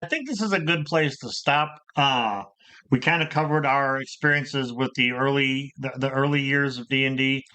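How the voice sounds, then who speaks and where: A middle-aged man with a bright, forward voice, hosting a relaxed group conversation. He tells long stories, often restarting and repeating words. His pitch stays in an ordinary middle range. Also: normal speed, smooth. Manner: rambling, repeats words, animated storytelling. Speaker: channel host. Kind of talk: casual group chat about gaming.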